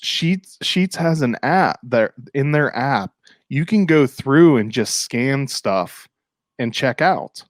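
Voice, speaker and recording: A man's voice: mid-range voice, animated, slow, dry recording. A man hosting a podcast in casual chat, joking and teasing his guests and laughing often. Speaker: podcast host.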